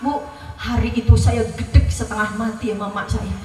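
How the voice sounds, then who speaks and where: A woman's voice: a little high, flat delivery, fairly quick, darkish tone, slight background noise. A woman preaching a sermon, telling a story and acting out the dialogue of her mother and her neighbours, often addressing the women listening. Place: large venue at a religious gathering. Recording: echoey hall recorded from far off.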